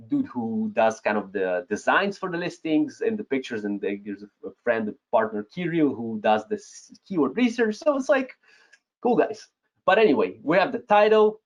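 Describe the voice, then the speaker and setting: A Russian-accented man in his thirties, a native Russian speaker, hosts a live webinar as an Amazon seller coach from a room at home. Speaking at medium pitch, he addresses the chat directly, caps points with "yes?" and chuckles occasionally. The webcam audio is slightly dull and lo-fi.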